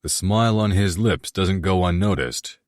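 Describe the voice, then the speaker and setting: A man narrating a romance audiobook in the first person, in a steady, measured reading. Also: low-pitched, dry recording, studio quality.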